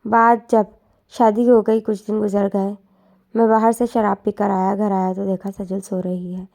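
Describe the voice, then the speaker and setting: A woman narrates an emotional story in a soft, subdued, earnest voice. Her tone is mellow and warm, with a gravelly texture. Her delivery stays gentle and low-key. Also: level tone.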